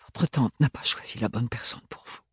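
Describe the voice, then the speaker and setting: A man reading an audiobook, voicing a frightened young woman who speaks softly and hesitantly. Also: fairly high pitch, moderate pace, breathy edge, no room sound, studio quality, voice pushed up. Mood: hushed, anxious. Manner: soft, hushed, hesitant.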